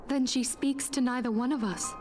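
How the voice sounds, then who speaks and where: Actress as a grave, high-voiced fantasy heroine. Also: female voice, fairly even intonation, moderate pace, a little mellow, lightly acted. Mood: grave, worried. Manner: formal, archaic, solemn delivery. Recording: game music behind the voice.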